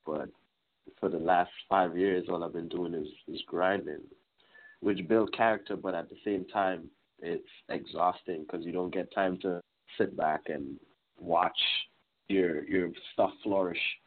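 Deep voiced young dude from trinidad, laid back rambly interview chat, sounds like a phone line. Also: male voice, measured pace. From Trinidad and Tobago. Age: 20s. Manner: relaxed, rambling, slangy. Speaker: musician guest. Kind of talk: casual interview.

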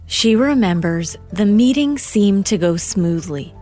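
A woman narrating a documentary in a measured, deliberate, scripted way. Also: medium pitch, animated, dark tone, soft background music.

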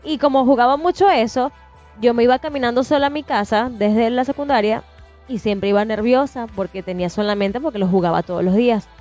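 A woman in her thirties, co-hosting a casual podcast chat, telling a personal ghost story with animated, acted-out detail. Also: a little high, quick pace. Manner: animated storyteller, swears it's true, acts out scenes. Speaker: podcast co-host. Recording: dull lo-fi sound with faint music.

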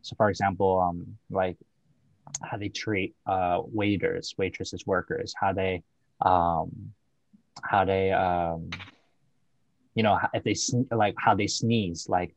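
A young man co-hosting a casual podcast, talking in a relaxed, hesitant way with many fillers. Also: low-pitched, takes it slowly, creaky, rough recording. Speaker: podcast co-host. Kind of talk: casual chat.

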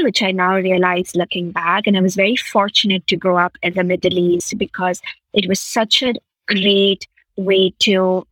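An Indian woman raised in Qatar talks earnestly and enthusiastically about her past as a podcast guest, using long flowing sentences in a reflective conversational interview. Her voice is mid-range and fairly bright, captured in a dry, poor-quality recording.

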